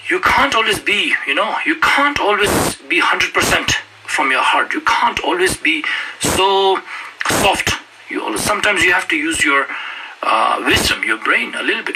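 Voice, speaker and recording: A man from Ladakh, giving an informal Buddhist teaching with frequent "you know" fillers. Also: fairly high pitch. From Ladakh, India. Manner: conversational, many "you know" fillers, laughs at stories. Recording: voice from a distance with clear background noise.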